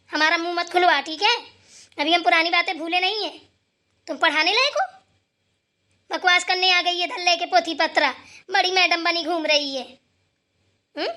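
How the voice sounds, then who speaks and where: A woman's voice: extremely high pitch, bright, forceful tone. Woman voicing a nagging old mother-in-law. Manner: taunting, nagging, sarcastic. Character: scolding sharp-tongued old mother-in-law. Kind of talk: cartoon voice acting.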